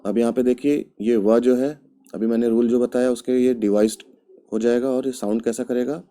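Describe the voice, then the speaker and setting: A man from India gives a language lesson, talking slowly and patiently and saying each example word several times over. His voice is medium in pitch, with a steady, warm tone.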